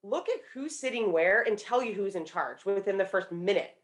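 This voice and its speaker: A woman's voice: mid-range voice, expressive, normal speed. A woman in her thirties, a professor and author appearing as a guest, explaining her points fluently and confidently. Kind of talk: interview answers.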